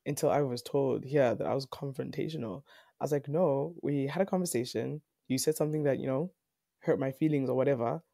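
A woman's voice: a bass voice, fairly quick, gravelly, dry recording, studio quality. A young woman from Africa, chatting as a podcast guest, rambling with many fillers and restarts. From South Africa. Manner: rambling, many fillers and restarts, animated when quoting others. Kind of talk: casual interview chat.

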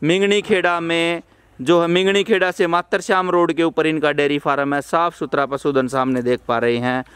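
A man hosting a walkthrough of a dairy farm outdoors, briskly repeating each answer back to his viewers. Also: fairly high pitch, steady tone, fairly bright tone, clear, resonant tone, no echo. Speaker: channel host touring a dairy farm. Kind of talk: on-site walkthrough interview. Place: outdoor buffalo farmyard.

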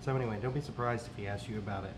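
A woman putting on a low, secretive voice as a gossiping coworker. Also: racing, heavy background noise. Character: sly gossiping coworker with lowered voice.

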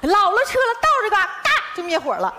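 An actress playing a cheerful, chatty young daughter with a Northeastern Mandarin accent, telling stories through laughter. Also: female voice, very high-pitched, wildly swooping pitch, quick pace, heavy background noise, exaggerated voice.

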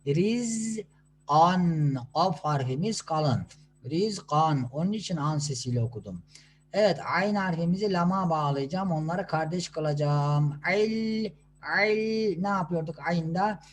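A man teaching children to read Quranic letters, sounding out syllables slowly and patiently and answering his own questions. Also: fairly high pitch, expressive, a little hiss or hum. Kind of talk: slow classroom instruction.

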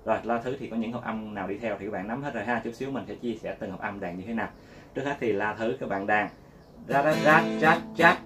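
A man leads a relaxed spoken guitar lesson, chatting in a repetitive, easygoing way. He calls out strum patterns beat by beat. Loud guitar strumming plays right behind his voice. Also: mid-range voice. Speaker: guitar teacher. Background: loud guitar playing.

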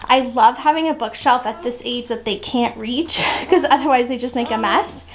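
A woman's voice: on the high side, moderate pace. A woman in her thirties giving a chatty, upbeat home tour, often laughing as she talks. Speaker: mom vlogger. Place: house rooms indoors.

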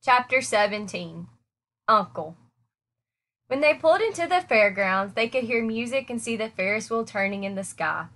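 A woman teacher reading a children's novel aloud with clear, expressive storytelling. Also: a little high, normal speed.

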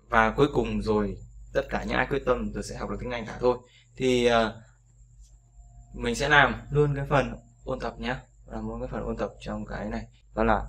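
Low gravelly male teacher, informal lesson, drills sounds by repetition, faint hiss behind. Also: a bit bright. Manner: talks to learners, repeats sounds slowly for practice. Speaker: English pronunciation teacher. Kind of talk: casual spoken lesson.

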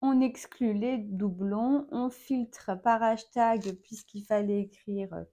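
Speaking to camera for her casual vlog, a woman in her thirties with four kids takes a slow, measured pace and hesitates often. She has a mellow, medium-pitched voice with fairly even intonation.

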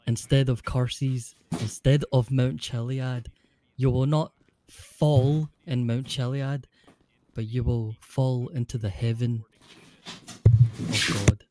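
A man's voice: mid-range voice, fairly even intonation, slow pace, mellow. A man roleplaying in an online game, delivering an over-the-top prayer in character. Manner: preachy mock-prayer delivery. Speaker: roleplay gamer.

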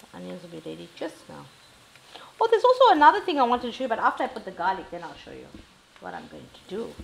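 A middle-aged cooking show host with a South African Indian English accent talks fast in a mid-range voice marked by vocal fry and huge pitch swings. She chats warmly and reassuringly while making a recipe at home. The indoor kitchen echoes, with frying noise audible.

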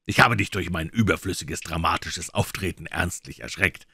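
A man voicing a calm, composed detective. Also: sits low, normal speed, vocal fry, slightly rough, no echo, clean studio sound, heavily acted. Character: calm, sharp-witted male detective, composed. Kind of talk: audiobook reading.

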